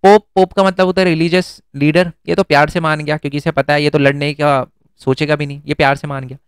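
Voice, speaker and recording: A man's voice: on the high side, level tone, quick pace, smooth, no echo, studio quality. A man teaching an exam-prep history lesson, explaining step by step and checking in with his students in a casual conversational way.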